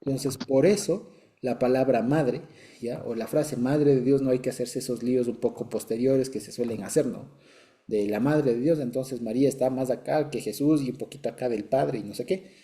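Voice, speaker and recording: A man with a very deep, mellow, warm voice leads a conversational Bible lesson. He explains patiently, checks in often with short asides to his listeners, and chuckles lightly along the way. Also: moderate pace. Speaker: Bible study teacher.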